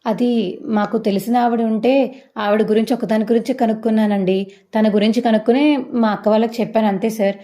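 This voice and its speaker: Tearful young woman clerk, voiced by a woman, pleading, fast talk, dark mellow tone. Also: fairly high pitch, fairly even intonation, close to an everyday voice. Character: young woman pleading to keep her job.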